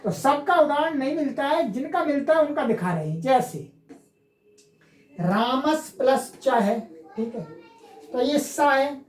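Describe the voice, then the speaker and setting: A woman's voice: high-pitched, lively intonation, measured pace, pauses often, roomy sound, low-quality recording. A woman teaching Sanskrit grammar, explaining step by step and asking and answering her own questions. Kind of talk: classroom lecture.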